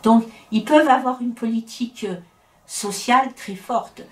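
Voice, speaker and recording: A woman's voice: on the high side, moderate pace. A middle-aged woman from France talking in a casual interview, opinionated and chatty, often breaking off and restarting her sentences. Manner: talkative, opinionated, many restarts. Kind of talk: casual conversation. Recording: roomy echo.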